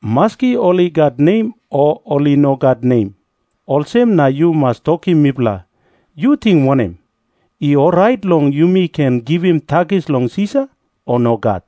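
A man with a Papua New Guinean accent playing a sly disciple flattering a teacher in a scripture drama. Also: a little high, a little slow, no echo.

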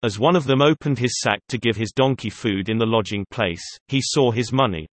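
A man reading scripture as scripted narration, measured and even. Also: mid-range voice, no echo. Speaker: scripture reader.

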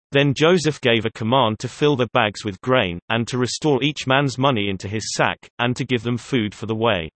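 A man reading scripture as scripted narration, measured and even. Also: medium pitch, no echo. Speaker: scripture reader.

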